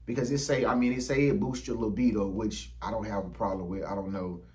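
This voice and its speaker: A man in his thirties speaks in a fairly low voice, addressing his viewers directly from a room lit by ring lights. His talk is casual and meandering, packed with slang, cursing and fillers as he drifts from point to point. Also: fairly even intonation, a little fast, darkish tone, rough recording. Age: 30s. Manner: slangy, profane and rambling, with frequent fillers. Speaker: YouTube channel host. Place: indoors under ring lights.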